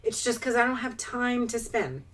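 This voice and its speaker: A woman's voice: on the high side, lively intonation, moderate pace, a bit bright, distant mic, slight background noise, low-quality recording. A woman co-hosting a casual podcast chat, joking and laughing as she talks. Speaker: podcast co-host.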